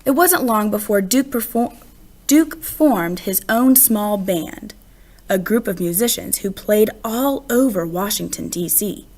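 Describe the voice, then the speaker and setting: With a mid-range voice, a woman narrates a children's picture book aloud in an expressive way. She shapes her phrases deliberately and stresses certain words.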